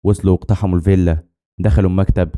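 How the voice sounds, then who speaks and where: A man's voice: low voice, steady tone, very fast, mellow. A man with an Egyptian Arabic accent telling a dramatic first-person story in a tense way.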